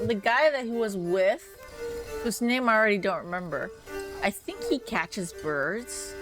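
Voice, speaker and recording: A young woman streamer giving casual let's-play commentary, tired and rambling with lots of fillers. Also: mid-range voice. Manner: chatty, rambling with many fillers. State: tired, yawning. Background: game music.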